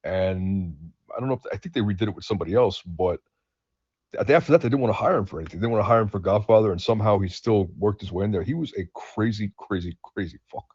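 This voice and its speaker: A man's voice: fairly low pitch, quick pace, darkish tone, breathy edge, no room sound. A man co-hosting a stream, telling a story in casual chat with lots of restarts and fillers. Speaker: stream co-host. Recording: muffled lo-fi audio.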